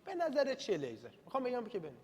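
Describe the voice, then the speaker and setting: His voice is very high and swings hugely in pitch while he talks casually through a classroom study session. He teases himself, reads English terms aloud, and the recording carries reverb and faint noise.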